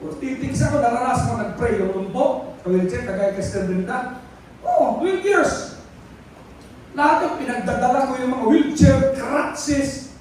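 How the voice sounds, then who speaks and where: A man with a very high voice preaches a sermon, telling stories and calling out loudly at moments. He stands well away from the mic, and the long echo of a big church hall surrounds every word, with faint noise behind. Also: measured pace. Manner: storytelling with laughs and shouted calls. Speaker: pastor. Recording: very echoey hall from far off.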